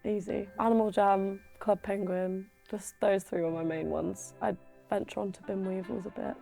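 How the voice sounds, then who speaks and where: A woman's voice: medium pitch, fairly even intonation, normal speed, vocal fry, dark tone, faint music behind. A nineteen-year-old woman from Eastbourne talking candidly and jokingly in an interview. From Eastbourne, England. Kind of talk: documentary interview.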